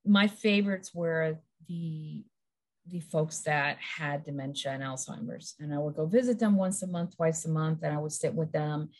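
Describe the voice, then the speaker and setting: A middle-aged woman talking as a guest in a casual conversation, telling lively stories and acting out quotes. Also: deep voice, normal speed. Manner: lively storyteller, acts out quotes.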